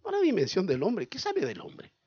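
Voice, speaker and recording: A male pastor, preaching a sermon in an animated way, asking questions and acting out scenes. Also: high-pitched, a little fast, husky, no echo, highs cut off. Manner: animated, asks the congregation questions, acts out scenes.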